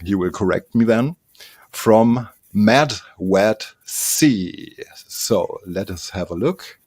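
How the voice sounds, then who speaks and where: Slow-talking German-accented male host. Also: on the low side, animated, a little mellow, breathy edge, dry recording. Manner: friendly, chatty, a little nervous, with repeated restarts. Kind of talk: casual interview chat.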